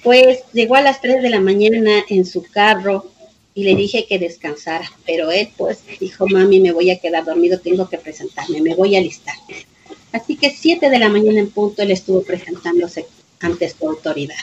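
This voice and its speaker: A woman's voice: mid-range voice, moderate pace, muffled recording, a little hiss or hum. A middle-aged woman, a mother giving personal testimony in an interview and reenacting conversations with her son. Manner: emotional storytelling, reenacting dialogue, repeating phrases. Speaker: grieving mother of a police officer.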